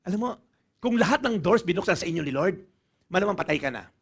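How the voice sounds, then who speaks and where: Filipino male pastor, middle-aged, higher voice, jokey storytelling sermon style. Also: fast talker, slightly rough. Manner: animated, joking, acts out little dialogues. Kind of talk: humorous sermon.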